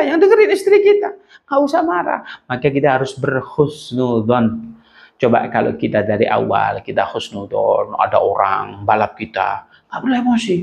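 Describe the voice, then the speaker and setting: A man giving a lively religious lecture, telling stories and acting out angry voices. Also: medium pitch, creaky. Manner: animated storytelling, acts out angry voices. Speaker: preacher.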